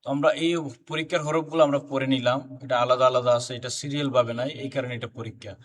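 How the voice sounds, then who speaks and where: A man's voice: medium pitch, fairly even intonation, racing, far from the mic. A man teaching a beginner Quran reading class, chanting letter names one by one and explaining the letter forms. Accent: Bangladeshi Bengali.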